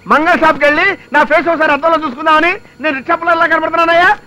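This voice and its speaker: An actor playing an exasperated, self-pitying husband who complains in a film comedy scene. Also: male voice, very high-pitched, fairly even intonation, racing, pushed and bright, full character voice, poor audio. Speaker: henpecked husband.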